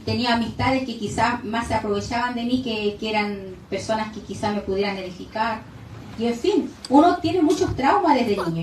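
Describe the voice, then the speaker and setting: A woman pastor delivers a sermon in a high voice, pressing her listeners with direct questions. She sounds set back from the microphone in an echoey room, with a faint murmur of ambience behind her. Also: darkish tone, far from the mic, a little hiss or hum. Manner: emphatic, questions the congregation directly.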